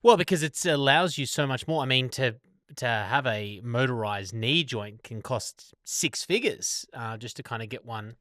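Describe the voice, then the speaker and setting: A man co-hosting a podcast, asking questions in a casual, hesitant way with frequent pauses and restarts. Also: mid-range voice, lively intonation, fairly bright tone, no echo, clean studio sound. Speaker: podcast co-host. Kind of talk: casual interview conversation.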